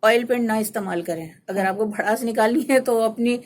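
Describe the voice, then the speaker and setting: A woman hosts a radio advice show and speaks Urdu with a Pakistani accent. Her voice sits somewhat high. She talks casually, builds her points from everyday examples and keeps asking her listener "right?". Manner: explains with homely examples and asks "right?". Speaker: radio talk show host and life coach.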